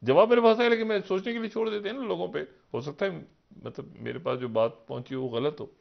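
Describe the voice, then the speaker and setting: A man giving political analysis on a live TV talk show. He rambles, poses rhetorical questions, and swings from low murmurs up to raised, emphatic peaks. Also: quick pace, gravelly, lo-fi sound. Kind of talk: live TV current-affairs commentary.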